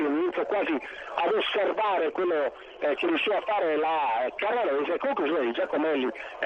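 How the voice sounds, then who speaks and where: A man giving live football commentary, urgent and excited as he calls the play. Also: sits high. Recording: dull, noisy stadium broadcast sound.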